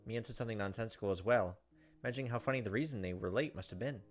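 Over game music, a let's play host reads visual novel narration aloud with asides into a close desk microphone. His voice is fairly low in pitch and he speaks very fast.

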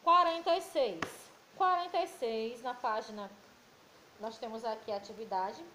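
High-voiced teacher with a Brazilian accent. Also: female voice, pushed and bright, slight background noise, rough recording. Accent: Brazilian Portuguese. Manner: affectionate, patient, reads word lists slowly. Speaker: primary school teacher. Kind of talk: recorded remote lesson for children.

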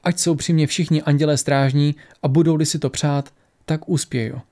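Give me a man doing a young fantasy princess, earnest and resolute, soft mellow voice. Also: a little high, steady tone, lightly acted. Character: young princess, determined but fearful.

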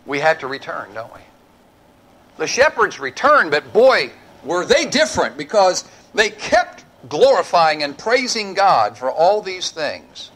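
A middle-aged man preaching a church sermon, building to emphatic points and dropping to a hushed altar call. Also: high-pitched, big pitch swings, measured pace, rough recording. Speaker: pastor. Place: church sanctuary.

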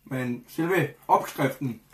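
A man's voice: mid-range voice, echoey room. A young man hosting a casual cooking vlog, coughing now and then, chatting, swearing and joking with viewers. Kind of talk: casual live chat.

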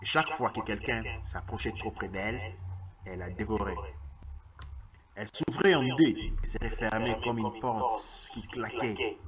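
A man, a radio host who reads a story aloud in a slow, deliberate way and sometimes stops to restart a phrase. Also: lowish voice, a crowd in the background. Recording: loud hiss, radio broadcast.

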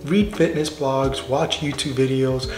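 A man reading a numbered list of tips aloud from a script, even and measured. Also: medium pitch. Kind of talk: scripted read-aloud narration. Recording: roomy echo with soft music.

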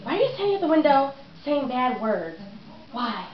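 A woman voicing a gentle, concerned female schoolteacher who asks soft, patient questions, recorded from a distance in a lo-fi home video. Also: high-pitched, very animated, normal speed, reverberant. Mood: gently puzzled.

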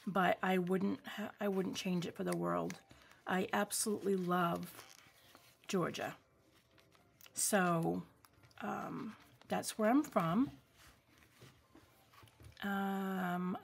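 This is a casual craft-along chat from a New England craft vlogger in her forties, whose rambling, warm asides are full of ums. Her voice is medium in pitch and gravelly with a breathy edge. An overhead camera shows only her hands as she works at home.

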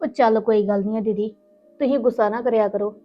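Woman acting gentle young wife, punjabi accent, soothing polite talk, highish voice, dull lo-fi sound, faint music. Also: steady tone, fast talker, natural voice. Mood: conciliatory. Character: mild young wife, patient and conciliatory. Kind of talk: village family drama acting.

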